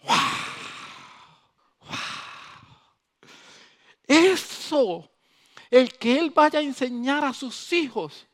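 A male pastor preaching a sermon in an animated way, swinging between loud emphasis and soft asides. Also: very high voice, extremely slow, long pauses.

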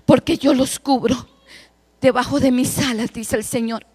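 A woman preaching a prophetic sermon in the voice of God, fervent and chant-like, swelling loud and dropping to a hush. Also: high-pitched, fairly even intonation, measured pace, slightly rough. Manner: repetitive, chant-like declarations.

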